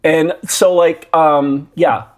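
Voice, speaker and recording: A man's voice: fairly high pitch, steady tone, slow pace. A man co-hosts a casual music podcast from a living room. He jokes around and rambles, with plenty of fillers and restarts. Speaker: podcast co-host. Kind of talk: casual chat.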